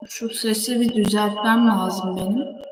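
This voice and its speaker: Slow-talking woman with heavy echo. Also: medium pitch, steady tone, a little hiss or hum. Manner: slow, halting, with many fillers. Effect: heavy echo on the stream audio. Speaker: chess streamer. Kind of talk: casual live-stream commentary. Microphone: streaming setup through broadcast software. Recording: echoey, hollow stream audio.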